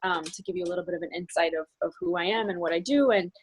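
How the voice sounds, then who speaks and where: This New Jersey-area woman, a business coach guesting on a group video call, speaks rapid-fire in a lowish voice with a breathy edge. She's earnest and long-winded, with frequent restarts, and the recording quality is low.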